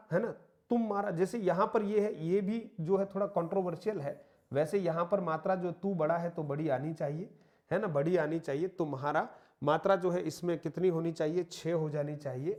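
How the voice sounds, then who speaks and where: A Hindi teacher from India runs an online exam-prep session in a fairly high, slightly mellow voice. Calling his listeners friends, he goes through the slides one step at a time, patiently counting syllables aloud.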